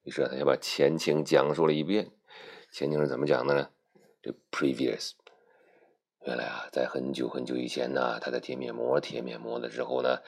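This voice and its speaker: A man's voice: a bass voice, gravelly, a little mellow. A man telling a comic fairy tale in a chatty, playful way with folksy asides. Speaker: storyteller. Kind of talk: comic storytelling.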